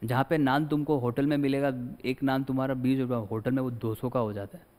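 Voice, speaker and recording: A man's voice: mid-range voice, steady tone, brisk, darkish tone. Guy teaching a class, chatty, acts out little bits, voice kinda echoing in a big hall. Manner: chatty, mixes Hindi with English, acts out little scenes. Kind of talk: classroom lecture. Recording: long hall reverb.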